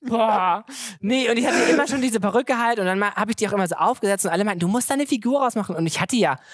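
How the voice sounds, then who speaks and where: Male interview guest, rapid animated storyteller, chatty and informal, dry sound. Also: high-pitched, no echo. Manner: chatty, animated, with many filler words and re-enacted dialogue. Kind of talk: casual chat, storytelling.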